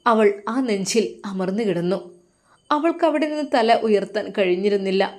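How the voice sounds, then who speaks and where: A woman narrating a family drama in an emotive, expressive storytelling manner. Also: medium pitch, normal speed.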